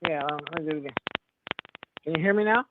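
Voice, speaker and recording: A man's voice: a little high, quick pace, a little hiss or hum. A man calling in on speakerphone, searching for his words as he talks. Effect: on speakerphone over a phone line. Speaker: caller. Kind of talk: call-in debate. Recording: tinny, distant speakerphone call.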